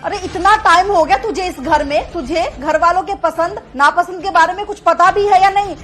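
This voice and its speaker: A woman playing a loud scolding mother-in-law. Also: very high voice, fairly quick, soft background music. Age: 50s. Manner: scolding, loud, sharp-tongued. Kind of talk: family drama acting.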